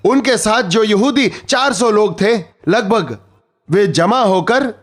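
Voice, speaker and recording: A man's voice: high-pitched, lively intonation, slow. A middle-aged man preaching a sermon, telling a story with drama and acting out the voices he quotes.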